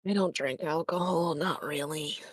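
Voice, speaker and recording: A woman's voice: deep voice, fairly even intonation, normal speed, no echo, studio quality. A woman playing a tabletop role-play game in character, a little prim and questioning.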